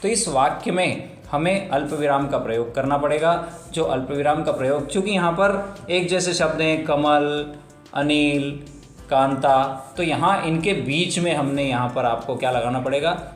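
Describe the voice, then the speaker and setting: Male teacher, patient explainer, mid pitch, echoey room recording. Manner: slow, explanatory, repeats phrases for emphasis. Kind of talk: grammar lesson. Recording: roomy echo with faint music.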